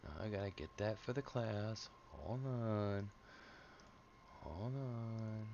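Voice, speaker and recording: Low-voiced man streaming, crude banter. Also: takes it slowly, a little mellow, muffled recording, slight background noise. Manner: crude, joking banter with chat; mutters to himself, repeats phrases. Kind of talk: casual live-stream chat.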